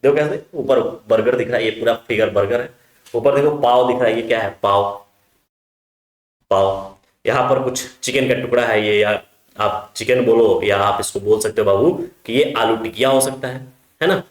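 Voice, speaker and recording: A man's voice: medium pitch, normal speed, roomy sound. A man teaching a chemistry class, who asks his students questions and answers them himself, calling them affectionate names. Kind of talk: online class lecture.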